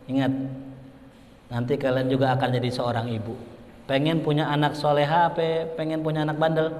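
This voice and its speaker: A man from Indonesia, giving a storytelling sermon as a preacher that rises into loud, excited passages. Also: medium pitch. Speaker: Islamic preacher. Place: mosque hall. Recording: reverberant hall.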